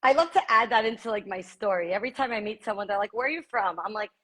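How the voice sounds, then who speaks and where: A chatty woman in her forties from Miami tells her story in a relaxed conversational way. She talks openly, laughs often and admits she gets emotional easily. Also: medium pitch, quick pace, rough recording. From Miami, United States. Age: 40s. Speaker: guest. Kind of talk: casual chat. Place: living in Ecuador.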